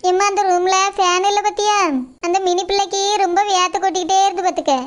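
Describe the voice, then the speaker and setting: A woman voicing a meek, gentle older mother-in-law who speaks mildly and pleadingly in a comic skit. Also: very high-pitched, level tone, quick pace.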